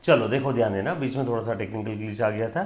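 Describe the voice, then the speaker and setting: A man's voice: on the low side, quick pace, darkish tone, reverberant. A man teaching a commerce lecture online, coaxing his students and checking that they follow, mixing in English terms. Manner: mixes Hindi with English terms.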